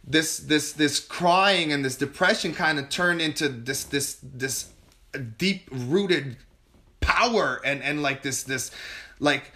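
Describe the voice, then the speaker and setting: A man guest in an interview telling a candid personal story, animated and emotional, often restarting and repeating words. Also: fairly high pitch, slow. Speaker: podcast guest.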